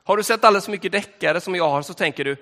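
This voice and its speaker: A man preaching a sermon in a church, telling the story in a relaxed, conversational way with frequent fillers. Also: high-pitched. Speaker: pastor. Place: church hall. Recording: long hall reverb in church.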